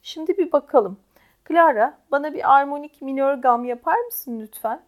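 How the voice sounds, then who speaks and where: A haughty teenage girl in a storybook, probing and condescending, her voice high and clear, as a woman reader plays her. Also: normal speed, natural voice.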